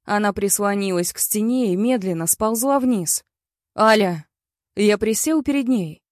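A woman's voice: medium pitch, normal speed, dark tone, dry recording, studio quality. A woman narrating a first-person story in a blunt, bitter and crude way. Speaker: audiobook reader.

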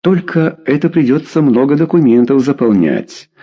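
A man's voice: medium pitch, very animated, normal speed, dark tone, slightly rough, pitched above the performer's own voice. A man reading a dry, bored official. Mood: skeptical. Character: dry, skeptical male official.

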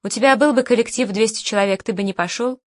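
A woman reading the part of an older male producer who hectors and bullies in crude, rough speech, in a dry recording. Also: on the high side, quick pace, no echo, lightly acted. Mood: ranting. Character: older male producer, loud, bullying and hysterical.

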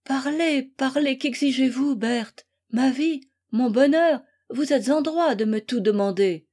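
A gentle young woman asks anxious, startled questions, as a woman reading an audiobook puts her on. Her voice sits high and soft, and her words come slowly. The tone is mellow rather than bright, as in a dramatic storybook reading. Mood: alarmed.

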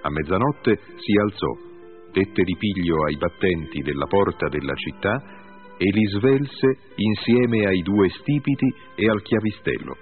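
Deep-voiced man reading scripture. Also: unhurried, soft background music. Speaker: Bible reader. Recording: tinny phone-like audio.

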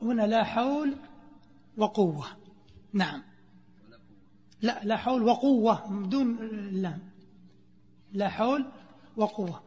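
A high-voiced man teaches a grammar class, his tone husky as he drills his students and stretches phrases out slowly. The recording is muffled, with a long echo like a large lecture hall. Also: expressive, darkish tone.

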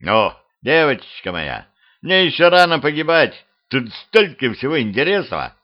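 A man's voice: medium pitch, sing-song, normal speed, voice pushed up, natural voice. A man voicing a weary, kindly old man who hunts monsters, speaking in a raised, exasperated, pleading way in a homemade audiobook. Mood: good-natured. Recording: slightly dull lo-fi home recording.

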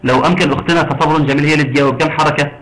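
A man's voice: fairly high pitch, steady tone, very fast, fairly bright tone, rough recording. A man with an Egyptian Arabic accent teaching a Quran recitation lesson, quizzing students and encouraging them with frequent pious phrases. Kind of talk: online Quran tajweed lesson.

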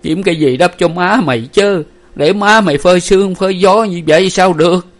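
A man's voice: on the high side, moderate pace, voice pushed up. A man playing a grief-stricken older father in a storybook reading, choked and lamenting. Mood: frantic lament.

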